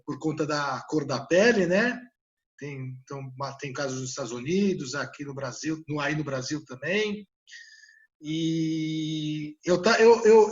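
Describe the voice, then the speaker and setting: High-voiced, hesitant male host. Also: highs cut off. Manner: hesitant, many restarts and fillers. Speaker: interview host. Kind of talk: casual interview chat.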